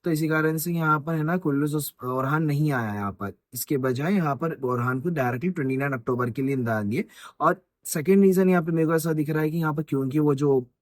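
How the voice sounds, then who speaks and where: A man's voice: fairly high pitch, fairly quick, no echo. Man, casual breakdown talk, rambling, self-correcting, dry close sound. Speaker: YouTube host. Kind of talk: casual Hinglish trailer breakdown.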